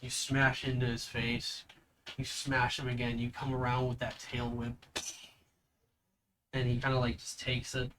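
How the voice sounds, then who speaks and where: A man runs a tabletop game as its game master. He tells the story slowly and deliberately in a level tone, pausing for drama. There is clear noise behind him. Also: mid-range voice, monotone, fairly bright tone. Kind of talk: narrating a tabletop role-playing game.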